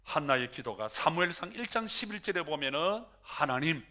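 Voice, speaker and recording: A male pastor preaching a sermon in an animated way, acting out prayers and dialogue as he goes. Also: a little high, normal speed.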